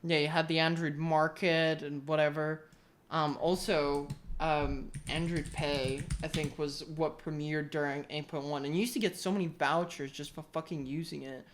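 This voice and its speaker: A woman's voice: sits low, fairly even intonation, moderate pace, slight background noise. A woman from the UK chatting casually as a tech vlogger, rambling and ranting with opinions and casual swearing.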